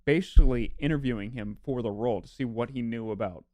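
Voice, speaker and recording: A man's voice: medium pitch, fast talker, mellow, dry recording. Rambling man on a podcast. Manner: rambling retelling with many fillers. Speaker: podcast co-host. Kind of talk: casual chat.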